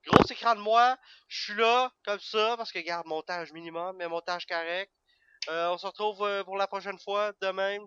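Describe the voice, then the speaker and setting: A young man giving casual gameplay commentary, excitable and breaking into sudden loud outbursts and cursing. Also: high-pitched, normal speed, smooth, no echo, highs cut off. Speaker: gaming video creator.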